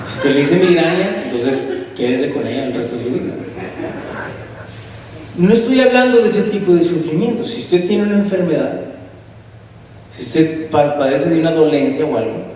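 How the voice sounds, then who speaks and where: A man's voice: fairly high pitch, normal speed, pauses often, darkish tone, a little hiss or hum. A pastor preaching a sermon in a church hall. He tells stories and calls on the congregation to respond. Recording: echoey hall, far from mic.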